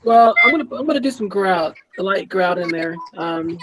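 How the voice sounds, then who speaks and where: A woman's voice: mid-range voice, expressive, normal speed, very noisy. A woman explaining a craft project in an easygoing group chat.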